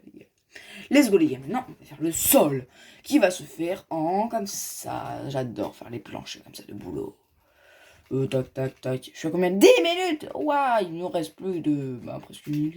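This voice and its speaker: Talking at normal speed in a sing-song, creaky voice with a darkish tone, a gaming YouTuber guides viewers through a building game. His loose commentary swings animatedly in pitch, addresses the audience directly, and drifts into casual tangents.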